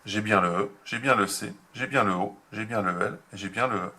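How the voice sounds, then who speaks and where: A man teaching a remote handwriting lesson to young children, slow and patient, spelling out each step. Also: fairly low pitch, sharp tone. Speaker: kindergarten teacher.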